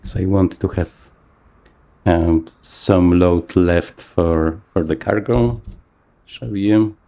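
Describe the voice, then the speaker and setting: A man casually talking through a flight simulator session, thinking aloud with plenty of fillers, his voice a little rough from the morning. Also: low voice, steady tone, slow, dark tone. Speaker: flight sim video host. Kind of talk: casual gameplay commentary.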